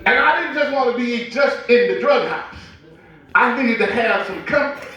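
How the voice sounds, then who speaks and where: A man with a Southern US accent preaching a sermon with call-and-response, slowing down and shouting for emphasis. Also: extremely high pitch. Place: large echoey church sanctuary. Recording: echoey church hall from far off.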